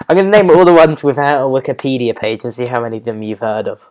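A man hosting a podcast in casual chat, reading names out haltingly, tripping over pronunciations and laughing at himself. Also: medium pitch, fairly even intonation, darkish tone. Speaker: podcast host.

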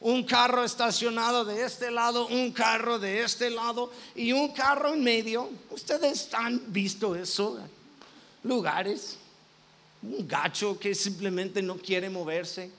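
A man's voice: extremely high pitch, fairly even intonation, slow, pushed and bright. A man, a pastor, telling a personal story in a sermon, with many restarts and self-corrections. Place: church.

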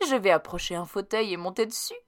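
A woman's voice: mid-range voice, fast talker, natural voice. A woman reading a storybook aloud and voicing a greedy, fretful little girl. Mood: wistful.

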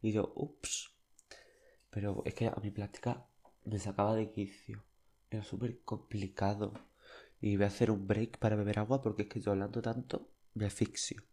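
Young spanish guy, kinda deep and warm, gossipy dramatic storyteller vibe. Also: level tone, normal speed. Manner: chatty, dramatic, flamboyant. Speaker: podcast host. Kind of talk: casual storytelling monologue.

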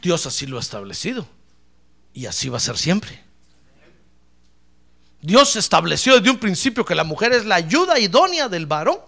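Fiery, gravelly-voiced preacher man. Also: high-pitched, wildly swooping pitch, normal speed, long pauses. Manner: fiery preaching, shouting praise; addresses listeners as brother. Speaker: pastor. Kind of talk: sermon.

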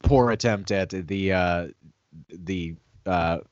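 A man co-hosting a casual movie podcast, easygoing and quick to laugh, on a video call. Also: low-pitched, darkish tone, dry recording, muffled recording. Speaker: podcast co-host. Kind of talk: casual chat.

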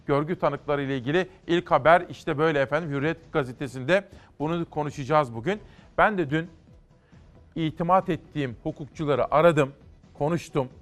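A man's voice: a little high, brisk, faint music behind. A man hosting a morning show, reading newspaper stories aloud and commenting in a conversational, emphatic way.

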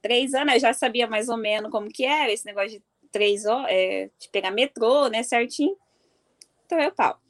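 A woman from do Sul, casually telling a personal story in an animated way and laughing often. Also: fairly high pitch, normal speed. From Mato Grosso do Sul, Brazil. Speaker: football fan.

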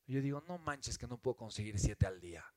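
A man with a Mexican accent giving an animated, emphatic motivational talk as a business mentor, often asking rhetorical questions. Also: mid-range voice, fast. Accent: Mexican Spanish.

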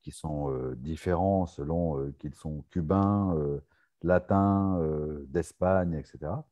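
Deep dark-voiced French-speaking man. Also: slow pace. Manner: teasing, hesitant with many fillers. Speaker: webinar host. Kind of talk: live online Q&A.

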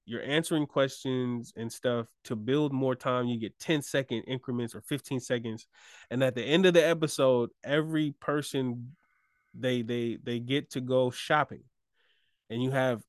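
Man, casual chat, relaxed storytelling, laughs a lot, dry close sound. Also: medium pitch, normal speed, no echo. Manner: laid-back storyteller, laughs often. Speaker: podcast co-host.

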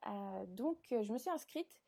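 A content creator in her twenties from southern France answers interview questions as a guest, chatty and full of filler hesitations. Her mid-range voice is expressive with vocal fry, at a moderate pace, and a crowd can be heard in the background.

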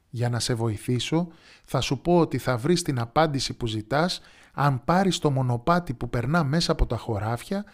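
Man doing a gentle coaxing mother. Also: mid-range voice, lightly acted. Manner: gentle, coaxing, sing-song riddle reading. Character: patient loving mother, gentle and encouraging. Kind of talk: storybook character voice.

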